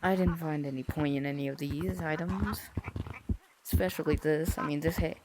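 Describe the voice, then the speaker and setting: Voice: mid-range voice, fairly even intonation, moderate pace. A young VR gaming creator giving a casual, rambling tour of a game, full of fillers and restarts, talking through a headset mic while sitting on the floor at home. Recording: loud background noise.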